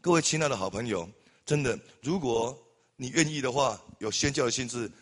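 A man's voice: mid-range voice, a little fast. Fervent preacher man. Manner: impassioned, building to loud exclamations with repeated amens. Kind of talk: sermon.

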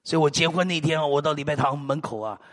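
A middle-aged man from Taiwan, preaching a sermon with lively storytelling and frequent hallelujahs and amens. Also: on the high side, quick pace, in a large hall.

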